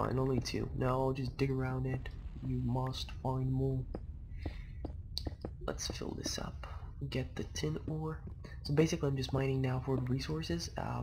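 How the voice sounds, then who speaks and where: Hushed, creaky young man gaming quietly. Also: mid-range voice. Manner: speaking quietly at night, hushed so as not to wake others; halting, rambling. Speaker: gaming video host. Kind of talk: casual game commentary. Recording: noisy home microphone recording.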